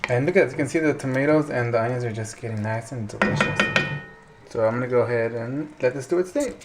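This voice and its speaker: A man's voice: mid-range voice, fast. A man giving a casual, chatty cooking tutorial, talking viewers through each step informally. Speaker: home cook presenting a recipe. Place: indoor kitchen at the stove. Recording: clear sizzling kitchen noise. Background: frying, sizzling and stirring.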